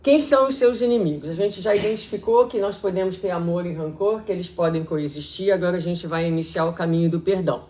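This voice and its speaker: A woman with a Brazilian accent giving a public spiritist lecture in a conversational way, acting out quoted speech with lively shifts. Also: fairly low pitch, quick pace, hardly any pauses, slight background noise. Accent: Brazilian Portuguese.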